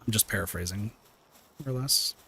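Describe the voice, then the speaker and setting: A man with a lowish, creaky, bright voice speaks fairly quickly in a forceful, slightly rough tone, yet sounds soothing as he chats with viewers while streaming a game. He rambles, full of fillers and restarts, and now and then swears mildly.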